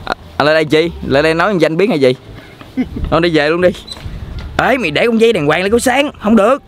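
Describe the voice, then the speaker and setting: Young southern vietnamese guy hosting a prank, quick high voice, noisy street behind him. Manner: rapid teasing banter. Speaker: prank vlog host. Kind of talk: casual prank commentary. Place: outdoors on a street. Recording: noisy outdoor street recording.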